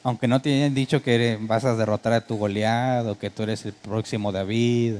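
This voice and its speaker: A man's voice: lowish voice, fairly even intonation, moderate pace, a little mellow. A male pastor preaching a sermon, talking in a conversational way and often asking his congregation rhetorical questions. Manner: mimics worship keyboard sounds for comic effect.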